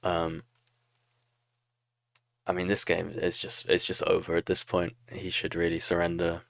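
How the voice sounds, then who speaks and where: A young man with a low, gravelly voice talks through a replay of his own strategy match, picking apart his mistakes and laughing at himself. His voice sounds dry and close, with no room around it. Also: monotone, unhurried, a bit bright, no echo. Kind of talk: casual game commentary.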